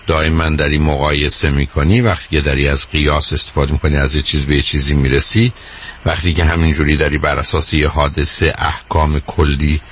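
A man hosting a radio counseling call-in show, speaking calmly and unhurriedly and addressing the caller fondly. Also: very deep voice, a little hiss or hum.

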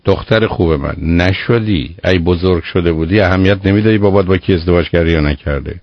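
A man hosting a call-in advice radio show, counseling a caller in an emphatic way and calling her "dear" again and again. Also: sits low. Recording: dull lo-fi radio audio.

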